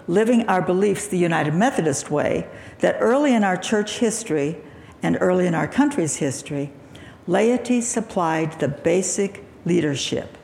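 A woman lay speaker giving an earnest sermon in a church sanctuary, with a throaty, gravelly morning voice. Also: lowish voice, darkish tone. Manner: measured, earnest preaching with throat clearing. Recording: echoey hall reverb, faint ambience.

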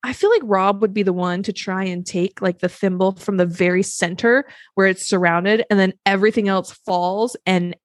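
A woman's voice: medium pitch, normal speed, hardly any pauses, no room sound. Woman, podcast co-host, casual chat, chatty, amused, dry close sound.

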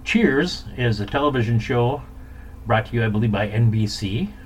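A man's voice: mid-range voice, expressive, moderate pace. Casual male podcast host over background noise.

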